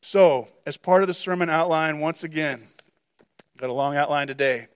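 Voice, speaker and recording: High-voiced preaching man, earnest. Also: moderate pace, clear, resonant tone. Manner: earnest, with frequent stammered restarts. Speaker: pastor. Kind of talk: sermon.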